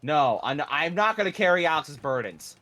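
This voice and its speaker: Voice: mid-range voice, sing-song, moderate pace, fairly bright tone. A friend on a game stream giving advice and cracking jokes in casual chat. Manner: joking, gives game advice.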